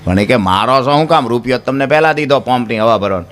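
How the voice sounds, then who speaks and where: A man telling folk stories and jokes on stage, animated and acting out characters. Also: medium pitch, fast talker. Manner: animated, acts out characters, addresses listeners as "sir". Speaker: folk storyteller and comedian. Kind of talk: Gujarati dayro storytelling to a live audience. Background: plucked string music.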